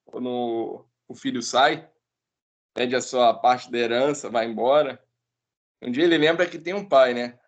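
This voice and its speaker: A man's voice: medium pitch, a little slow, lo-fi sound. A man in a prayer group who preaches informally, earnest and exhorting, with tag questions.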